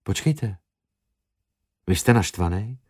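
A male audiobook reader voicing an earnest young woman who speaks softly and persuasively. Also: fairly low pitch, animated, slightly rough, voice pushed down. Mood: soft apologetic.

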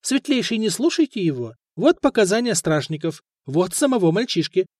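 A man's voice: high-pitched, sing-song, normal speed, a little mellow, no room sound, studio quality, pitched above the performer's own voice. A man voicing a thin, obsequious court clerk who talks eagerly and fawningly to his superior, in an audiobook.

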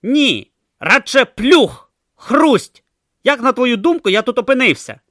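A man voicing a grumpy, sarcastic god stuck in a male tortoise's body, snapping loudly in an audiobook. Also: very high-pitched, very animated, slow pace, no room sound, studio quality, pitched above the performer's own voice, heavily acted. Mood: grumbling. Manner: snappish, loud, exasperated. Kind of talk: audiobook character voice.

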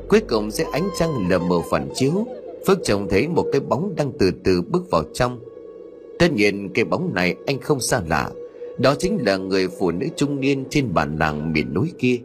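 A man narrating a horror story as an audiobook reader, in an expressive storytelling way. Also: fairly low pitch.

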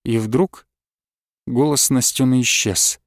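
A man narrating a novel as an audiobook, with a measured, expressive delivery. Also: medium pitch, no room sound, clean studio sound.

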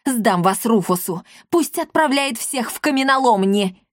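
A woman voicing a greedy, bossy old woman villain who screeches and shouts orders in a storybook reading. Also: medium pitch, measured pace, no echo, studio quality, natural voice. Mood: furious.

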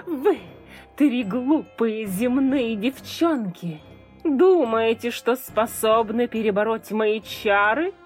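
A woman voicing a spiteful, cackling evil fairy queen who draws out her mocking threats slowly and loudly. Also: on the high side, animated, faint music behind. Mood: spiteful gloating. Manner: slow, drawn-out, mocking threats.

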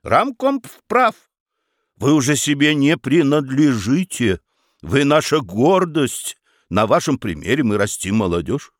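A man's voice: mid-range voice, sing-song, measured pace, no echo, clean studio sound, voice pushed up. A man voicing a middle-aged burgomaster, a persuasive official with a soothing, coaxing manner.

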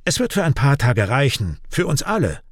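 A man's voice: mid-range voice, sing-song, moderate pace, no echo, studio quality, voice pushed up. A man voicing a helpful young clanswoman in a raised, lighter voice for an audiobook. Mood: reassuring. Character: young woman of the clan, kind and helpful. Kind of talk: audiobook character voice.

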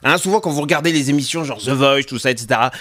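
A man hosting a music radio show, talking casually and often pausing with filler sounds into a studio microphone. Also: medium pitch, a bit bright. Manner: hesitant, full of filler sounds. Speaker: radio host.

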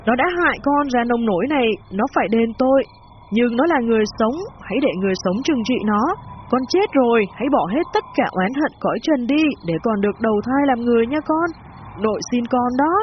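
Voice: medium pitch, a little fast, highs cut off, a little hiss or hum, voice pushed up, lightly acted. Brief: grieving old granny, put on by a narrator, begging through tears. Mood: pleading. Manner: tearful, imploring. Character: elderly grandmother, grieving and pleading.

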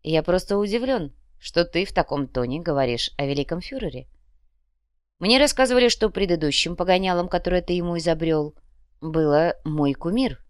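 A woman voicing a calm, sly young man in an audiobook, speaking coolly with dry irony. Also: fairly low pitch, fairly quick, clear, resonant tone, no echo, close to an everyday voice. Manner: cool, dry, mildly ironic. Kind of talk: audiobook character voice.

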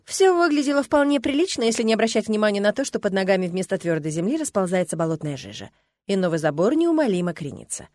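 A woman narrating a first-person story for an audiobook in an even, measured way. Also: mid-range voice, dry recording, clean studio sound.

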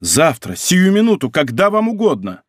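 A man's voice: on the high side, huge pitch swings, normal speed, no room sound, clean studio sound, voice pushed up. A male reader voicing an ardent, impulsive young nobleman who speaks with passion and bursts into exclamations. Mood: passionate.

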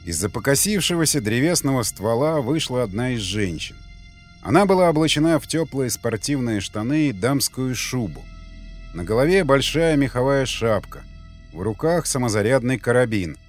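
Man narrating an audiobook, lively pitch. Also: moderate pace, soft background music. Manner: steady storytelling, acts out characters. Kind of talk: scripted narration.

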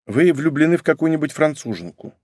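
A man doing a gentle young court lady. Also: on the high side, very animated, a little fast, dry recording, clean studio sound, voice pushed up. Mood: wistful.

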